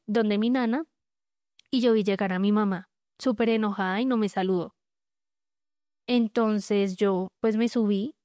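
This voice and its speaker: A woman giving a candid personal testimony as a podcast guest, talking in a halting way with many fillers. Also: fairly high pitch, warm tone, clear, resonant tone, no room sound, studio quality. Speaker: guest sharing her story.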